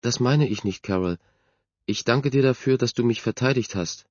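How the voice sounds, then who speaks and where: A man's voice: medium pitch, normal speed, a little mellow, dry recording, highs cut off, voice pushed up, lightly acted. A man voicing a shy, insecure girl who speaks timidly and hesitantly. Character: shy, self-conscious chubby girl.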